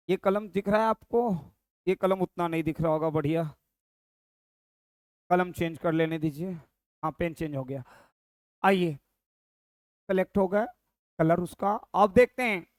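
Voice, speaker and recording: A man's voice: high voice, clear, resonant tone, dry recording, clean studio sound. A man teaching Sanskrit grammar in a recorded online lesson, repeating each form and quizzing the viewer.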